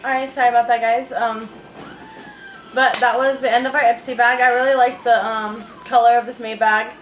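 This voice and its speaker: A woman's voice: fairly high pitch, flat delivery, moderate pace. A young woman vlogging at home, chatting casually about beauty products with lots of fillers. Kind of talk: casual unboxing chat. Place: room at home. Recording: echoey room, faint noise.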